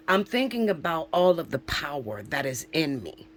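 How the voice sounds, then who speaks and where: Her voice sits low, and there's slight background noise as this woman in her forties, a spiritual reader, talks casually to her viewers. She's emphatic and preachy, swears a lot, and keeps asking "okay?".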